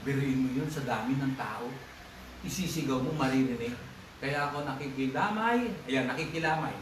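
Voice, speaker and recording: A man preaching a sermon as pastor, mixing Tagalog with English, swinging between loud emphatic bursts and low asides. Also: brisk, background noise. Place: church hall. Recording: echoey church livestream, distant mic.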